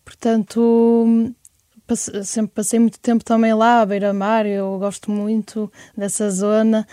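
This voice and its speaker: Young portuguese woman from porto, easygoing chatty guest, bit high, dry close sound. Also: level tone, a little slow, dark tone, no room sound. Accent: European Portuguese. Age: 20s. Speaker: guest singer-songwriter. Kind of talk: casual interview chat.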